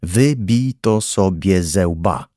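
A man voicing a sharp-tongued young woman. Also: on the low side, animated, moderate pace, slightly rough, dry recording, studio quality. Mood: snapping, scornful. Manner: snapping, mocking.

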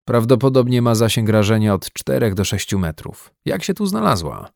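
A man reading the part of a calm, composed young man who gives orders, in an audiobook. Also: on the low side, vocal fry, no echo, clean studio sound. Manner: calm and measured.

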